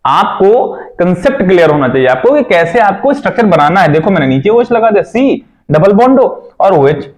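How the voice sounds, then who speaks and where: A man's voice: high voice, very animated, brisk. A young man teaching a chemistry lesson, checking in with his students often and repeating his own questions.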